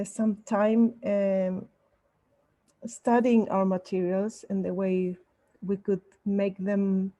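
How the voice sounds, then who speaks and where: A woman's voice: medium pitch, warm tone, rough recording. A woman artist from Chile, speaking with many halts and restarts at an online panel. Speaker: artist guest.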